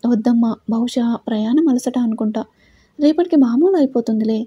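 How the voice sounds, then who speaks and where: A woman voicing a soft-spoken, caring older mother-in-law in a family story. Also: a little high, brisk, slightly rough, dull audio. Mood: concerned.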